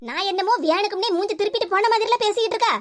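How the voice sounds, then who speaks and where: A woman's voice: very high voice, racing. A woman voicing a proud, touchy sister-in-law in a cartoon who complains in a Tirunelveli Tamil accent. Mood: aggrieved. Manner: sulky and complaining. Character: proud sulky sister-in-law, quick to take offence.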